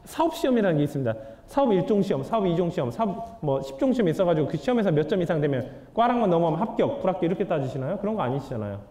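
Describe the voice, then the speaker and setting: A young adult man with a high, warm voice gives a lecture in a lecture hall, candidly and conversationally putting questions to the audience. The recording carries hall reverb.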